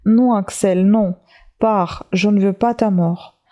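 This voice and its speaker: A woman's voice: mid-range voice, fairly even intonation, slow pace, mellow, natural voice. A woman reading the lines of a stubborn, obsessive old male professor in a commanding, insistent way. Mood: stern.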